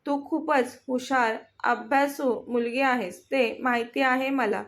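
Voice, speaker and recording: A woman's voice: high-pitched, steady tone, takes it slowly. A woman voicing a young male company boss who earnestly pleads with the woman he loves. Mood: tender.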